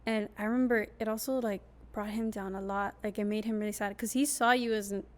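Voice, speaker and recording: A young woman hosting a podcast in casual chat, telling a story in a lively way and acting out quoted lines. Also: medium pitch, brisk.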